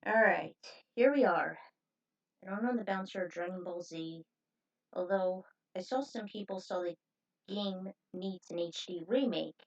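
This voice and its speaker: A woman hosts a casual fan fiction reading, narrating aloud in an informal, chatty manner. Her voice sits lowish and her pace is measured. The recording is muffled, dull and lo-fi.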